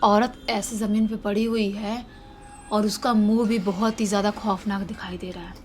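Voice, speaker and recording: A woman telling a horror story dramatically, dropping to a hush at tense moments. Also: medium pitch, steady tone, moderate pace, faint music behind.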